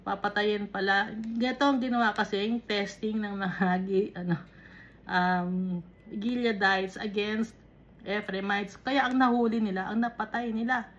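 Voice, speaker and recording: A woman's voice: medium pitch, slight background noise. A woman teaching a Bible lesson, often stopping to check that her listeners follow. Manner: unhurried, explaining with frequent checks on listeners. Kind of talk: Taglish Bible study teaching.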